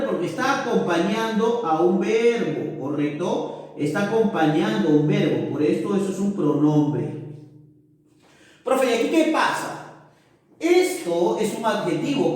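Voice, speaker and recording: A man teaching a grammar lesson, asking questions in a higher pupil's voice and then answering them himself. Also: animated, unhurried, a little mellow. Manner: asks and answers his own questions, often in a higher pupil-like voice. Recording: echoey room, voice from far off.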